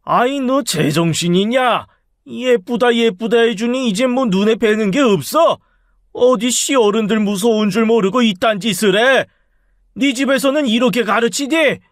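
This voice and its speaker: A man's voice: very high voice, unhurried, no room sound, clean studio sound. A man voicing a stern older father-in-law who scolds his daughter-in-law harshly in an audiobook drama. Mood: scolding.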